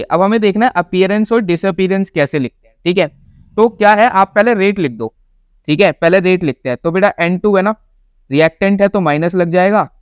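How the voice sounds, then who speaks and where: A man teaches a chemistry lesson and explains each step patiently. His voice sits a little high and sounds smooth and resonant. The recording is close and dry, with no room echo. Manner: explains patiently, mixes English terms into Hindi, calls students "beta". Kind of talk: exam-prep lesson.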